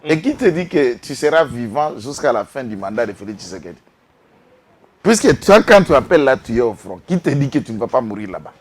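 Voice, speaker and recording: A man's voice: medium pitch, sing-song, fairly quick, breathy edge. A man from Congo, speaking with passion as a guest on a political talk show and mixing in Lingala. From Congo-Kinshasa. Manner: impassioned, switches between French and Lingala, rises to outbursts.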